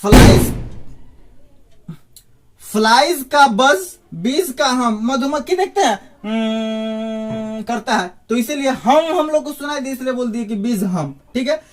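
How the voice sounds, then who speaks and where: Male teacher, fairly high voice, casual lesson delivery, asks the viewer questions as he goes. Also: lively intonation, normal speed, hardly any pauses. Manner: chatty, joking asides, asks the listener questions. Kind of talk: informal spoken lesson.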